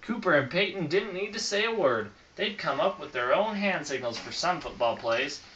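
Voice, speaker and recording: A fairly high-voiced father reads a bedtime picture book to a little child at home, pausing for answers when the child points at the pictures. His delivery is animated, pushed and bright, at a normal speed. The noisy phone recording has its highs cut off.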